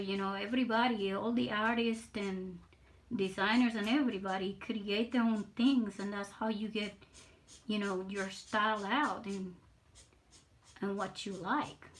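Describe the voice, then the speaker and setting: An older Puerto Rican woman chats casually on her livestream while she draws, her accent blending Puerto Rican Spanish with the Southern US. She sounds nervous, halting and repeating words, in a mid-range voice over poor audio.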